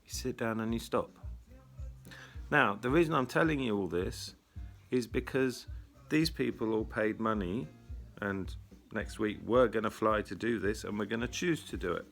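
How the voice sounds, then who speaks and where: A man's voice: lowish voice, moderate pace, vocal fry, a bit bright, soft background music. A man, a retreat leader telling a story in a casual monologue, blunt, wry and full of swearing.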